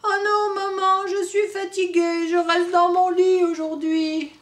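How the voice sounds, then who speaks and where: A woman voicing a cheeky little boy penguin who is sick, in a high whiny child voice, recorded with roomy echo from a distant mic. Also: level tone, a little slow. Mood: whiny, childish.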